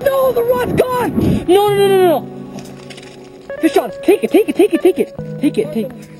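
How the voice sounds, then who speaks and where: A young man ice fishing outdoors on a frozen lake, excitable and yelling when the fish bite. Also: extremely high pitch, normal speed, music in the background, rough recording. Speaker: ice fisherman.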